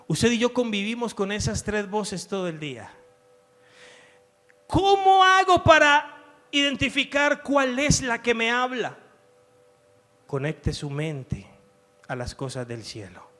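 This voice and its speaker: A high-pitched man preaches slowly and emphatically from a church pulpit. He draws out his words and plays out inner thoughts as he teaches. Soft music plays faintly behind him. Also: animated. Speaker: pastor. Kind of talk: sermon.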